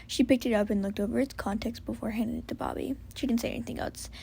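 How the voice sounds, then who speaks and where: A woman doing a soft whispered story reading at home. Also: fairly high pitch, fairly even intonation, fast, gravelly, slight background noise. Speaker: story reader. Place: home with a cat.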